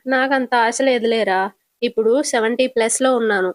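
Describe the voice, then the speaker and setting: A woman voicing a sharp-tongued grandmother over seventy who grumbles and scolds. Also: fairly high pitch, moderate pace, no echo, close to an everyday voice. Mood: grumbling.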